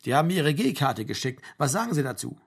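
A man reading a story aloud, voicing a mocking, gruff middle-aged army sergeant in a raised, sarcastic voice. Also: medium pitch, big pitch swings, fast, full character voice. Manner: sarcastic, barking questions.

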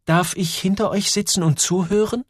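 A man voicing an eager young boy in a storybook reading, pitching his voice up. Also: steady tone, normal speed, no room sound, clean studio sound. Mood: pleading. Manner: high, pleading, breathless.

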